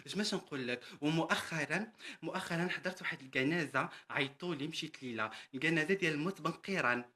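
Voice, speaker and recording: A man's voice: a little high, quick pace, sharp tone. A man with a Moroccan Arabic accent voicing a boastful, chatty housemaid woman in a comedy sketch, who keeps calling the listener sister. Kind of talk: comedy character monologue.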